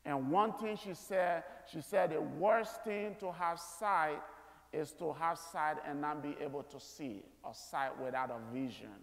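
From the stage of a large indoor auditorium, a guest chapel speaker in his thirties delivers an earnest, deliberate sermon to a school chapel in a fairly high-pitched voice. Long reverb makes the recording echoey.

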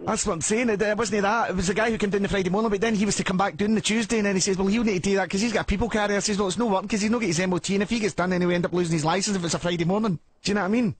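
A man with a Scottish accent playing a confused, persistent prank caller, silly and husky, rambling on in repetitive, muddled run-on sentences. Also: sits high, fairly even intonation, rapid-fire, few pauses. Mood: muddled, insistent.

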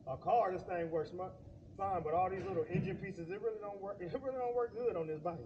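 A middle-aged man with a high voice talks in a loose, slangy way, lecturing his son with fatherly teasing. He is recorded outdoors on a driveway by a camera some distance off. The sound is dull, and steady noise runs behind him. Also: fast talker. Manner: preachy, teasing fatherly talk in casual slang. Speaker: vlogger and father. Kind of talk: casual chat while washing a motorcycle. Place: outdoor driveway beside a house.

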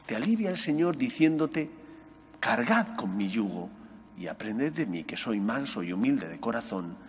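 A man's voice: mid-range voice, breathy edge. Man preaching in a reverberant chapel. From Spain. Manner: earnest preaching, rising on questions, dropping soft on key words. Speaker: priest. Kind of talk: gospel reading and homily. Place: chapel sanctuary, at an ambo. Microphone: gooseneck mic on ambo. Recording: long church reverb.

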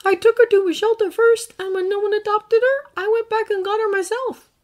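A woman voicing an earnest teenage boy who sees ghosts, speaking softly and haltingly in a fan fiction audiobook reading. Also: very high-pitched, steady tone, pitched above the performer's own voice. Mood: tender. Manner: soft, halting, emotional.

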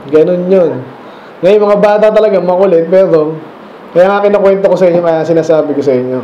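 Male Filipino preacher, casual teaching sermon, mellow tone, dull lo-fi church recording. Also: sits high, slight background noise. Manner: keeps checking in with rhetorical questions. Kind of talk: conversational Bible teaching sermon. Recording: echoey church room, dull lo-fi sound.

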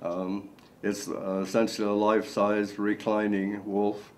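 An older man from Nebraska, an artist talking slowly and haltingly with many fillers in a seated indoor interview. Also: lowish voice, completely flat delivery, a little mellow, rough recording. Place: indoor room.

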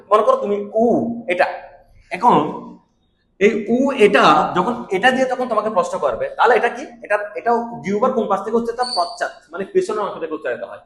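A man's voice: sits high, fairly bright tone, echoey room. A male teacher giving a grammar lesson for exam students, explaining step by step, repeating examples and checking with his class.

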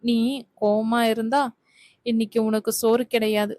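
A woman voicing a playful young husband who teases his wife, in a flat storybook reading. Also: fairly high pitch, measured pace, no room sound, studio quality, natural voice. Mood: teasing. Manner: playful, coaxing. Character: young husband Vetri, teasing and affectionate.

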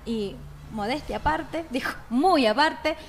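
A woman's voice: high voice, takes it slowly, a little hiss or hum. A woman, chatting casually and laughing often as a band singer in an interview.

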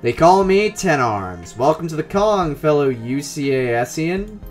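Over soft background music, a man with a high, sing-song voice reads a game's text a little slowly. He plays a jovial, boastful cyber-doctor in his forties who rambles in a put-on, loose Midwestern US accent.

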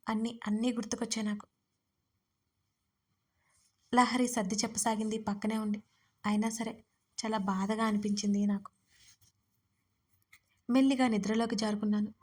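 A woman narrating a first-person audio story, expressive in the dialogue. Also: mid-range voice.

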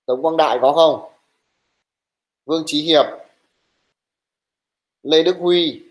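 A young man teaching an online class, his voice sitting a little high for a man. He talks briskly and teases his students, scolding them bluntly as he calls the roll. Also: poor audio. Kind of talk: online class talk, taking attendance.

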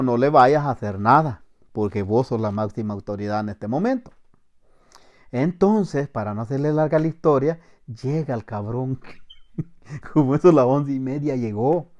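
A middle-aged Salvadoran man, a former soldier, telling a story to camera with acted-out shouted commands. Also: medium pitch, highs cut off. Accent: Salvadoran Spanish. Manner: acts out shouted commands, laughs, voseo slang.

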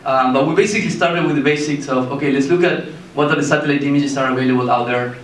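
A startup founder from Argentina presents to an audience in an indoor meeting room with a projector screen, using a handheld mic. His mid-range voice keeps a fairly even intonation, though his speech is halting and full of fillers and restarts. A far camera records him, so the room echoes and a faint hiss sits underneath.

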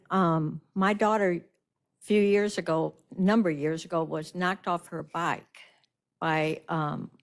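Older lady from st complaining hard at a public hearing, on a video call, kinda low voice. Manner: indignant, emphatic complaint. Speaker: resident speaking at public hearing.

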